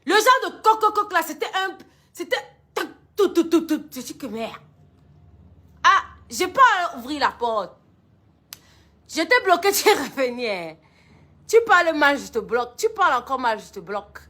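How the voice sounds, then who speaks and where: A high-voiced woman tells a story to her followers. She is dramatic and emphatic, swoops up and down a great deal, and throws English phrases in. Her voice is bright and sharp. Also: sing-song, moderate pace, pauses often.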